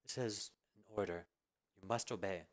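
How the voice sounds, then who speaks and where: A man voicing a gentle young princess who speaks softly and hesitantly. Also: sits low, moderate pace, natural voice. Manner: soft and hesitant. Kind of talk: amateur video game fan dub.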